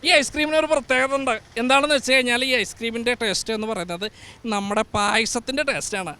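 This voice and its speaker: A man's voice: very high-pitched, fairly quick, sharp tone, clear, resonant tone. A man playing a festive, teasing King Mahabali who hosts a comic outdoor street show with quizzes and giveaways. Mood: cheerful. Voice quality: playful, with teasing exclamations. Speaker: host.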